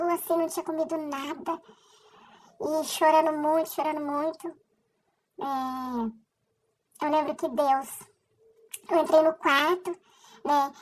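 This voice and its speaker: A woman telling a personal faith testimony. She speaks earnestly, with halting restarts. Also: sits high, poor audio.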